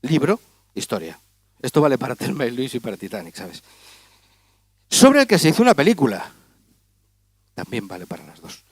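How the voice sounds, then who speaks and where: A man's voice: medium pitch, big pitch swings, normal speed, pauses often, husky, dry recording. A man doing comic stage patter as a magician, teasing and chatting with volunteers in front of a gala audience. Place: auditorium stage.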